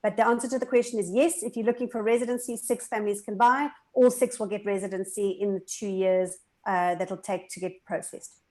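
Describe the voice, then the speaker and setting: A woman panelist explaining residency rules clearly and confidently over a video call. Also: mid-range voice, steady tone, a little fast, hardly any pauses, darkish tone.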